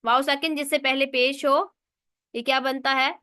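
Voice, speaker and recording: Woman tutor with flavored talk, high bright voice, walks through each rule and quizzes herself. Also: fairly even intonation, normal speed, dry recording, clean studio sound. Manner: explains step by step, asks and answers her own questions. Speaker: Quran recitation teacher. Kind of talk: online tajweed lesson.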